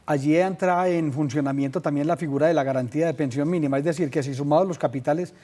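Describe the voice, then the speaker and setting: A man with a Colombian accent, a legal expert on a TV call-in show, explaining pension rules in a measured way with many fillers. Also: on the high side, dark tone. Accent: Colombian Spanish. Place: TV studio.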